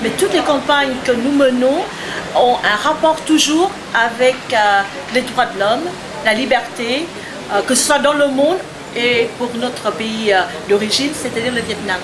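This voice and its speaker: Woman, activist spokesperson, halting delivery, slightly high voice, crowd behind. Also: low-quality recording. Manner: hesitant, many fillers. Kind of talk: street interview. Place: outdoor street rally. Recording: outdoor crowd noise.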